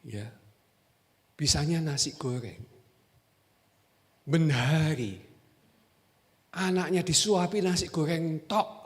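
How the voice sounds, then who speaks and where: Animated joking pastor in echoey hall. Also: male voice, fairly high pitch, takes it slowly, pauses often. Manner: animated and joking, repeats exhortations. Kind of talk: sermon. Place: church hall.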